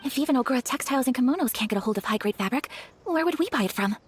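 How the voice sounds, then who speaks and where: A young noblewoman in an anime game, gentle, formal and earnest. Her voice is on the high side and her polite phrases move quickly, with music clearly behind her. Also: lively intonation. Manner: formal, polite, carefully articulated. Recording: background music under the voice.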